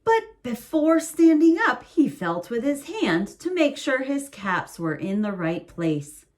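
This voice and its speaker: Slightly high-pitched, a woman gently reads a bedtime picture book, unhurried, calming and full of expression.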